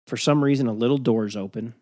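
Man, podcast host, casual film recap, rambling, swears a lot, mid-pitched voice. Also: fast, warm tone. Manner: rambling, profane, laughing storyteller.

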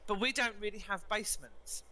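A woman's voice: medium pitch, animated, fairly quick, sharp tone, low-quality recording. A British woman co-hosting a casual chat, talking in a rambling, chatty way and laughing often. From United Kingdom. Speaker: co-host.

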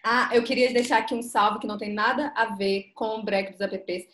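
A woman's voice: fairly high pitch, fairly even intonation, normal speed, fairly bright tone. A young Brazilian woman co-hosting a podcast, chatting informally and emphatically in an echoey, roomy recording. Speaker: podcast co-host. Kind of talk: casual chat.

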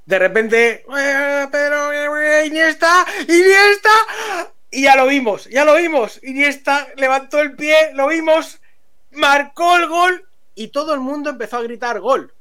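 A man tells a story to friends on a stream. He is animated and laughs often as the tale unfolds. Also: very high voice, moderate pace.

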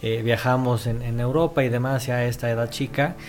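A man's voice: mid-range voice, fairly quick. A man from Israel, a guest author, telling stories in a casual interview with many fillers. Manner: animated storytelling with many fillers.

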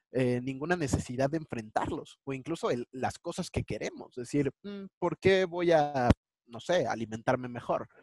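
A man in a casual conversation, reflecting out loud and working through examples. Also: a little high, no echo, clean studio sound.

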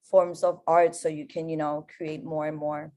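A young Puerto Rican woman in her twenties speaks as a guest on a podcast. Her voice sits slightly low, and she talks easily and relaxed, mixing two languages in the same sentence. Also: a little slow. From Puerto Rico. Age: 20s. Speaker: guest artist. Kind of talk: casual podcast interview.

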